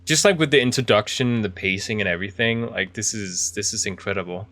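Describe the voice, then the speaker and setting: A man's voice: on the low side, a little fast, fairly bright tone, no echo. A man giving casual video game commentary, thinking aloud in a chatty, easily impressed way. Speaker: video game streamer playing an indie horror game.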